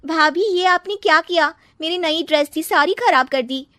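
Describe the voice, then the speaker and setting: A young woman of the household acted by a woman, high-pitched and plaintive. It is earnest cartoon-drama acting, recorded dry and close. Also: moderate pace, bright, forceful tone, no echo. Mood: complaining.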